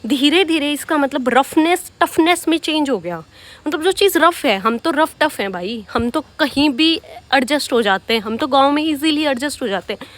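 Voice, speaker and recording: A woman's voice: high voice, expressive, moderate pace, fairly bright tone. A young woman teaching English vocabulary for exams, explaining patiently and often checking with "right?". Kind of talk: exam-prep vocabulary lesson.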